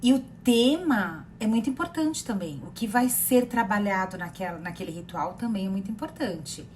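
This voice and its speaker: A woman in her thirties with a Brazilian accent, a therapist telling a personal story in a rambling, animated way with many fillers and repeated words. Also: mid-range voice, moderate pace, a little hiss or hum. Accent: Brazilian Portuguese. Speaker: therapist sharing personal experience.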